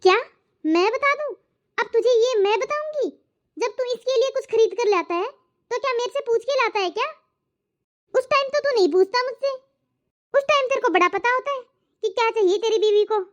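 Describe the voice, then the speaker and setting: A woman voicing a nagging, sharp-tongued middle-aged mother-in-law in a Hindi cartoon moral story, scolding and accusing in turn. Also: very high voice, lively intonation, fairly quick, muffled recording.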